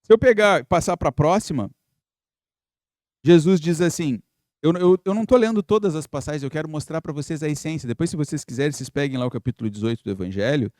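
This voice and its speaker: A man's voice: on the high side, lively intonation, fast talker, darkish tone, no echo, studio quality. Earnest man lecturing. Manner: earnest, reflective, uses rhetorical questions. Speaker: spiritist lecturer. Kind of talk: spiritist lecture. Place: spiritist center lecture hall.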